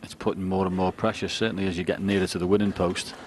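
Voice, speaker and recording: A man's voice: low-pitched, little pitch movement, fast. A man giving live co-commentary on a snooker match. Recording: crowd and faint noise behind. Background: snooker arena crowd.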